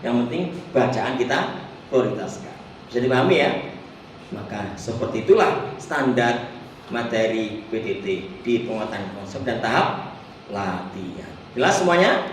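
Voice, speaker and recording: A man teaching a Quran recitation workshop, explaining the melody and chanting verses slowly for the group to repeat. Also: medium pitch, lively intonation, a little hiss or hum. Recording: echoey hall, distant mic.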